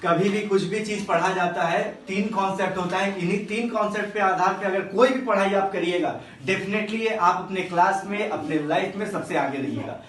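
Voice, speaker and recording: A teacher explaining grammar to a class, drawing words out slowly and quizzing the students. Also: mid-range voice, a little hiss or hum. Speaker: English teacher. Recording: echoey classroom from a distance.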